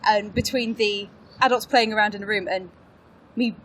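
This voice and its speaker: A woman's voice: mid-range voice, steady tone, normal speed, fairly bright tone, a little hiss or hum, low-quality recording. A young woman from England, an actor and improviser, chatting as a podcast guest in a bubbly, self-mocking way and laughing often. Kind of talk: casual interview chat.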